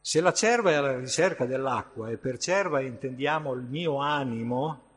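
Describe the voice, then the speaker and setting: A man preaching a sermon in a slow, emphatic way, with sudden surges in loudness and a husky voice. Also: medium pitch. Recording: long hall reverb.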